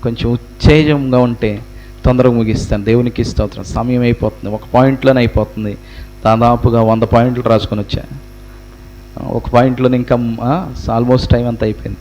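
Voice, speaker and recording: A man's voice: medium pitch, fairly even intonation, fairly quick, darkish tone, slight background noise, poor audio. A pastor preaching a sermon to his congregation, firing rhetorical questions and repeating phrases for emphasis. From India.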